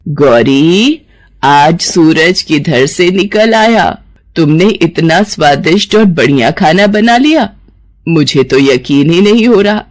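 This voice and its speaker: A woman voicing an older mother-in-law in a cartoon, who was stern and has turned tender, with a slow, measured way of scolding. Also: lowish voice, expressive. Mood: teasing. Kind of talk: cartoon voice acting.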